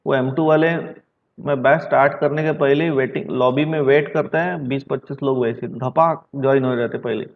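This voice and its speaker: During an online class, a stern math teacher from Maharashtra, India, lectures at a moderate pace with fairly even intonation. His voice is mid-range and creaky. He scolds, repeats things, and mixes in English math terms, heard through dull lo-fi sound.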